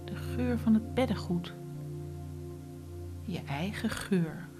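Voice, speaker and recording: A woman guiding a relaxation meditation, speaking softly and often in a whisper. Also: mid-range voice, lively intonation, over music. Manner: slow, soft, often whispered instructions. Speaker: meditation guide.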